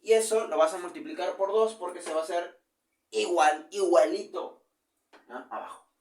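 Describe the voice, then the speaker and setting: A man's voice: sits high, moderate pace, a little mellow, far from the mic. Male teacher in an echoey room. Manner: explanatory, checks in with frequent "¿ya?". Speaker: literature teacher. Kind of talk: virtual class lecture.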